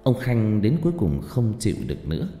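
A man telling a horror story with a dark, mellow voice and a lively, swooping delivery. His narration is dramatic, moving between tense and hushed. A long hall-like reverb hangs on every word, with faint music behind. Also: fairly low pitch, a little fast.

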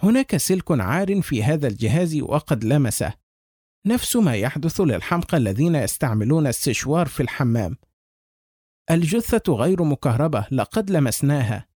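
A man voicing a skeptical police lieutenant colonel who reasons calmly and plainly. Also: a little high, fairly quick, husky, dry recording, clean studio sound. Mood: matter-of-fact.

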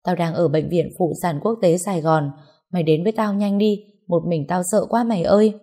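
A woman's voice: lowish voice, brisk, warm tone. A woman voicing a frightened young pregnant woman in labor, speaking weakly and tearfully. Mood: pleading. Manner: weak, tearful.

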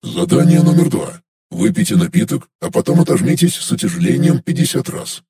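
A man's voice: mid-range voice, very animated, a little fast, gravelly, dark tone. A man narrating an audiobook and voicing an impersonal game system that announces tasks formally.

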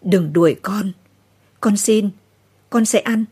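A woman's voice: mid-range voice, slow pace, darkish tone, slightly rough. A woman voicing a frightened ten-year-old girl who pleads through her tears. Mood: pleading.

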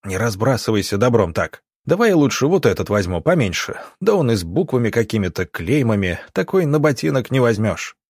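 A man's voice: medium pitch, very animated, brisk, hardly any pauses, darkish tone, husky, dry recording, studio quality. A man reading an audiobook, voicing a shrewd country doctor who asks sly, casual questions. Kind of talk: audiobook character voice.

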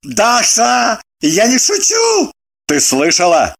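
Pompous blustering husband put on by the reader, deep changed voice, slow and swinging. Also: lively intonation, lightly acted. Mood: bellowing. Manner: booming, drawn-out exclamations. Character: pompous middle-aged husband, blustering and self-satisfied.

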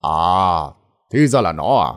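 A man's voice: low-pitched, lively intonation, slow pace, voice pushed down. A man voicing a stern, rich old landlord in a storybook tale who scolds and threatens.

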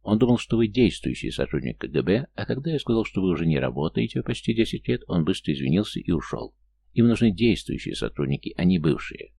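A whiny, aggrieved French hustler, as a male narrator puts him on in an audiobook. He pleads and complains in a low, creaky voice. The tone stays dark and mellow. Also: very animated, fast talker, exaggerated voice. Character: whiny, easily offended middle-aged Frenchman, a hustler.

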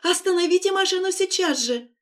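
A woman voicing Lera, a young woman in an audiobook who cries out in high, urgent, tearful bursts. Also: lively intonation, fairly quick, fairly bright tone, far from the mic. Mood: panicked. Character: young woman Lera, frightened then overjoyed.

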